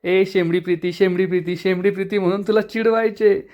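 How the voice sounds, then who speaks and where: Narrator doing a brash gossipy young woman, loud and nosy, pokes fun at people with no filter, middling pitch, retold serial scene. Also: fairly even intonation, fairly quick, lo-fi sound, lightly acted. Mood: brash teasing. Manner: teasing, blunt and nosy.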